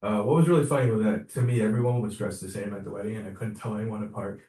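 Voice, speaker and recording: A man's voice: fairly low pitch, steady tone, quick pace, warm tone. Hesitant young male student, far off. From China. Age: young adult. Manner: hesitant, casual. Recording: echoey room, from a distance.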